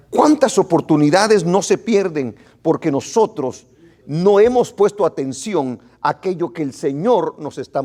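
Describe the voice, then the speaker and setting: A male pastor preaching a sermon to his congregation in an animated way, often repeating and restarting his words. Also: fairly high pitch. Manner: animated, acts out what his congregation says.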